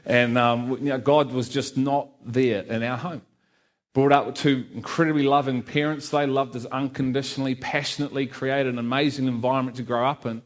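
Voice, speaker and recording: Middle-aged man, church testimony, earnest, heartfelt, medium pitch. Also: fairly even intonation, fairly quick. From Liverpool, England. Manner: earnest, heartfelt, with light asides to the congregation. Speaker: guest speaker giving testimony.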